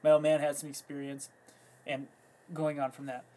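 A man's voice: on the high side, level tone, normal speed, dark tone. A man co-hosting a casual fishing chat, talking in an easygoing, plain way. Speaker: podcast co-host.

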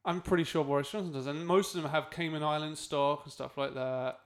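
A man's voice: fairly high pitch, fairly even intonation, brisk. A man co-hosting a casual podcast chat, sarcastic and sweary, who often ends his lines with tag questions. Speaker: podcast co-host.

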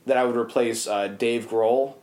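A man's voice: medium pitch, steady tone, normal speed, a little mellow. A young man in casual chat on a podcast, rambling with lots of fillers and swearing freely.

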